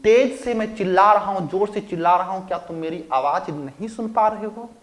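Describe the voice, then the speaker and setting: A man voicing a father who asks why his shouting goes unheard, speaking gently and with mild exasperation. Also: high voice, brisk, reverberant, lightly acted. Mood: puzzled. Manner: gently asking, mildly exasperated.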